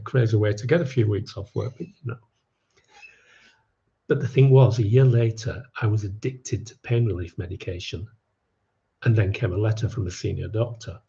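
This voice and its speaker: A man's voice: lowish voice, vocal fry, warm tone, dull audio. A man telling his own life story to an audience, with wry, self-mocking asides. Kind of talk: personal storytelling talk.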